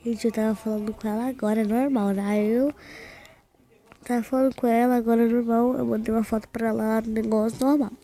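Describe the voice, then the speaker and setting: A teenage girl vlogging in casual chat, recounting a prank in a rambling way and talking fast by her own account. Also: a little high, little pitch movement, mellow.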